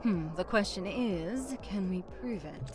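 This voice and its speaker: An actress playing a sly, flirtatious noir socialite in a video game, with arch, playful phrasing over music. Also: female voice, medium pitch, animated, measured pace, crowd noise, lightly acted. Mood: musing. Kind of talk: scripted video game voice acting.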